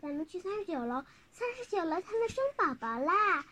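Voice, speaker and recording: A child telling a picture-book story informally, halting, repeating words and asking the listener questions. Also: very high voice, very animated, sharp tone.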